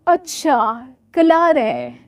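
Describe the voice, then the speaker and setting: A woman's voice: high voice, wildly swooping pitch, takes it slowly, no room sound, clean studio sound, full character voice. A woman voicing a sweetly scheming young snake-woman bride in a comic story.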